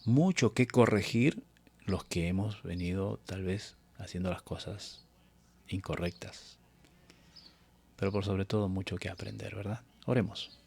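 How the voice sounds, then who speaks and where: A man's voice: sits low, unhurried, vocal fry, a little mellow, slight background noise. A man preaching a Bible study sermon on a live stream, earnest and exhortative, often addressing his listeners as brothers.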